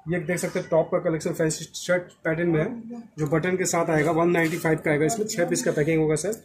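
A man in his thirties, a garment wholesaler, shows off clothing stock on camera in a small indoor shop, using salesman's patter sprinkled with English words. He talks fast in a slightly high, flat voice, with a crowd in the background and clearly noisy audio full of clicks.

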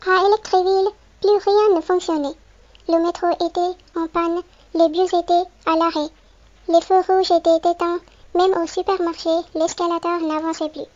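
A woman reading a children's picture book aloud, clearly and expressively, as if to a young child. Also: extremely high pitch, level tone, moderate pace, darkish tone, dull audio. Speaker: storybook reader.

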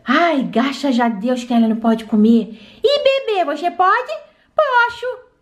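A very high, squeaky baby-girl doll, as a Brazilian woman voices her, sassy and teasing in a homemade toy play video. She sounds jealous and cheeky, with a babyish Brazilian lilt. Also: animated, a little slow. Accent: Brazilian Portuguese.

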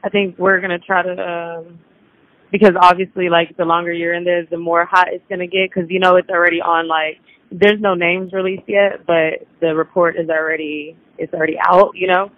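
A woman talking casually and haltingly on a prison phone call. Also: lowish voice, level tone, no room sound. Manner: hesitant, halting. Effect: phone line.

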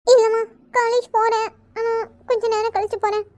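A woman's voice: very high-pitched, flat delivery, fairly quick, darkish tone, no room sound, pitched above the performer's own voice. A woman voicing a heartbroken young woman, a college student, in a cartoon comedy, speaking in a tearful, pleading way. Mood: subdued. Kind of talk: cartoon voice acting.

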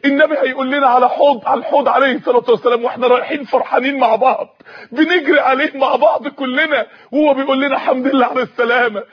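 A man's voice: very high-pitched, steady tone, very fast, slightly rough, highs cut off. A man with an Egyptian accent preaching an emotional sermon through a story, pleading and at times tearful. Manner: impassioned, pleading, breaks into tears.

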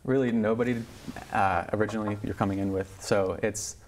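A man's voice: on the low side, steady tone, a little fast, a little hiss or hum. A young man, a student leader, answering interview questions in an upbeat way with lots of ums. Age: young adult. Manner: upbeat, many ums, laughs easily. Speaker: student union board president, guest.

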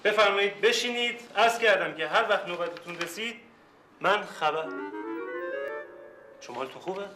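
An actor playing a formal, courteous office clerk in a TV sitcom. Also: male voice, high-pitched, pauses often, over music, close to an everyday voice. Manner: formal and polite. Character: formal, courteous male official handling applicants. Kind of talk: sitcom acting. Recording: echoey room.

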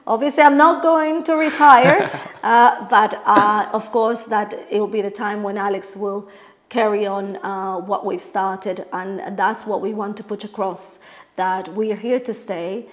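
A middle-aged Colombian woman, a real estate agent who owns a family business, sits on a sofa in a living room and explains her company to the camera in a promotional talk. Her voice is medium in pitch, steady in tone, and unhurried.

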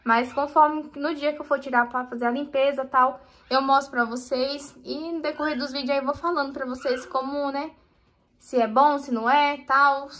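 A woman's voice: high voice, fairly even intonation, normal speed, fairly bright tone. A young woman from Brazil chatting casually in her home kitchen, recorded on a handheld phone, often tagging her sentences with little questions. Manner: chatty, constant tag questions. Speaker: vlogger.

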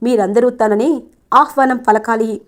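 A woman's voice: a little high, unhurried, lightly acted. A woman voicing a commanding family matriarch giving firm instructions.

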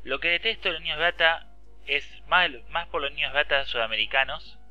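Speaking in a fairly high, sharp-toned voice at a moderate pace, a man with an Argentine Spanish accent provides chatty game commentary, reading on-screen text aloud, ranting and swearing freely. The sound is dull, dry and lo-fi, with faint music behind him.

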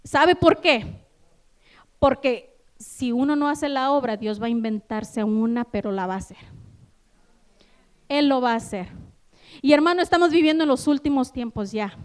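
A woman preaching a sermon in a church, addressing the congregation with rhetorical questions and building to loud, passionate exhortation. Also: sits high. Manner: addresses listeners as brother, asks rhetorical questions.

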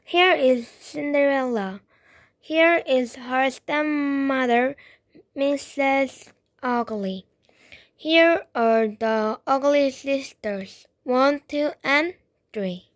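Slow, gentle woman reading a children's story. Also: high-pitched, no echo. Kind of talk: children's read-aloud narration.

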